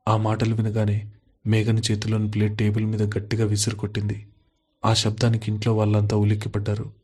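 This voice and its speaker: A male storyteller reads a family drama in a steady, unvaried monotone. His voice sits low and mellow with a slightly husky grain, and his pitch barely moves from line to line. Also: fairly quick. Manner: steady monotone reading, voicing all characters' quoted lines in the same flat voice. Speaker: narrator. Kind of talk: scripted story narration.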